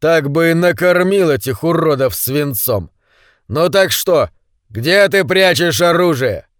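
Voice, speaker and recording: A swaggering street thug, put on by a male storyteller, sneering and threatening with slow, mocking taunts. The voice is pushed higher and louder than the reader's own, in a dry, close reading. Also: expressive, dry recording. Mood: menacing.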